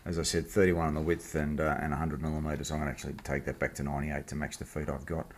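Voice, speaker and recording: A man's voice: extremely low pitch, little pitch movement, quick pace, slight background noise. An Australian man hosting a casual hands-on video in his workshop, explaining the job in a laid-back, blokey, informal way. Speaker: host of a machining project video series. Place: home workshop.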